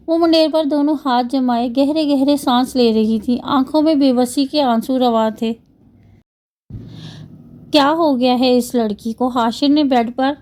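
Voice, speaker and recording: Woman reading a romance novel aloud, high voice, steady with little restarts. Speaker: novel narrator.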